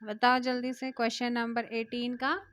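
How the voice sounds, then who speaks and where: Brisk Indian woman teacher quizzing viewers. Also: fairly high pitch, level tone, a bit bright, no echo. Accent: Indian Hindi. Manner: brisk, quizzing viewers and urging them to comment. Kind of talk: quiz-style exam prep lesson.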